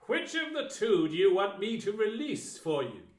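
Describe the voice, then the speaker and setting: A man's voice: high-pitched, sing-song, normal speed. A man playing a stern Roman governor in a dramatised scripture reading, asking question after question. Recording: roomy echo.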